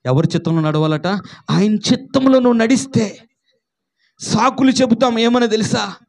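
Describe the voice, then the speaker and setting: A man's voice: high voice, normal speed, gravelly, a little mellow. A man preaching a sermon, asking the congregation rhetorical questions and calling for responses. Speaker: pastor.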